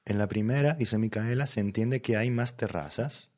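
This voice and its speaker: A man's voice: fairly low pitch, moderate pace, a little mellow. A man teaching a live online language lesson, patient and explanatory, who checks often that his students follow. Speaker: Spanish teacher.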